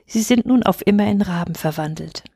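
A woman's voice: medium pitch, a little fast, creaky, mellow, husky, dry recording. A woman voicing a stern old woman of the forest in a fairy tale reading, grave and matter-of-fact.

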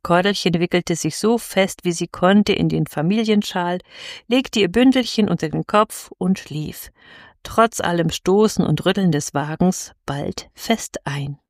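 A woman calmly reading a classic children's story aloud as narrator, in a measured storytelling manner. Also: on the low side, dry recording, studio quality.

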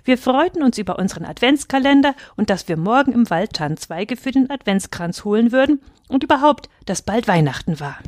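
A woman reading a children's Christmas story aloud in a gentle, expressive storytelling manner. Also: a little high, a little fast, hardly any pauses, no echo, clean studio sound. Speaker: reader.

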